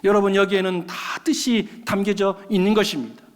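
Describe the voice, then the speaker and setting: A man's voice: sits high, fairly even intonation, fairly quick, smooth. A man preaching a sermon as pastor, emphatic and calling out often to the congregation. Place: church sanctuary. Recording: long church hall reverb.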